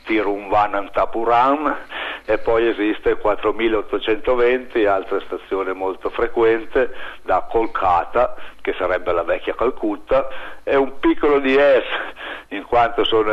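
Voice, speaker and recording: Phone-in correspondent: deep-voiced man heard over a dull landline phone, informative and steady. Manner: informative, lists details steadily. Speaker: radio hobbyist correspondent. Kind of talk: phoned-in radio report. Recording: muffled telephone line.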